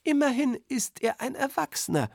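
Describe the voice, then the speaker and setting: A man's voice: very high-pitched, sing-song, moderate pace, gravelly, a little mellow, dry recording, studio quality, pitched above the performer's own voice, heavily acted. A man voicing an earnest little boy who corrects the grown-up in a children's bedtime story.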